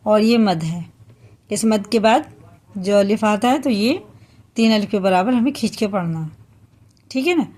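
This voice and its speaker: A woman teaching the rules of Quran recitation, explaining patiently and then reciting verses slowly and drawn out, often checking that listeners follow. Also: medium pitch, animated, darkish tone. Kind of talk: tajweed lesson with slow recitation.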